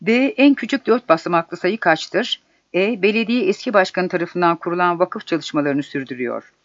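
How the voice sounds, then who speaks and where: In a fairly bright, expressive high voice, a male narrator reads exam questions and their solutions with measured deliberation. The audio is dull, lo-fi and very dry, lacking any room sound.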